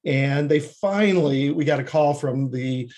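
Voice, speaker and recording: Speaking a little slowly, a screenwriter on a podcast recounts stories in an interview, playing out snippets of dialogue as he goes. His voice is slightly high and a little mellow.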